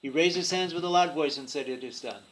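A man preaching a sermon in short phrases, pausing so an interpreter can translate each line. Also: on the high side, rough recording.

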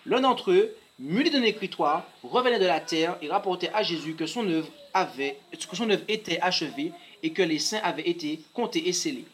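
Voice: mid-range voice, expressive, moderate pace, hardly any pauses. An interpreter translating a sermon phrase by phrase and reading quoted passages aloud, sometimes restarting words.

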